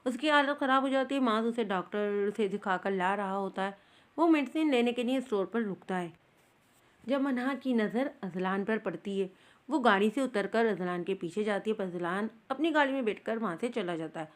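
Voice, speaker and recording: A woman narrating a romantic novel in an expressive storytelling voice. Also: mid-range voice.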